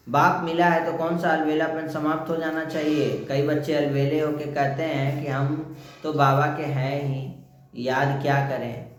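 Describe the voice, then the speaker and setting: A man explaining a daily spiritual lesson as a teacher, asking questions and answering them himself. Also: on the high side. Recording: very echoey room, faint noise.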